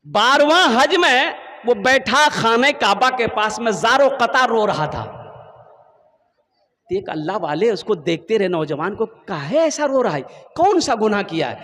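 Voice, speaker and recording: A man's voice: high voice, very animated, unhurried, fairly bright tone, big-room sound. A man preaching a sermon, telling an emotional story and calling on the crowd to answer his questions. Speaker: Islamic preacher.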